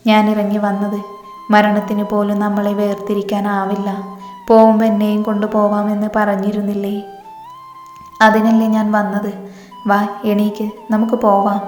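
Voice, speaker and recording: A woman's voice: medium pitch, darkish tone, natural voice. A woman reading as a sulky, devoted old grandmother. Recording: echoey reverberant room, faint music.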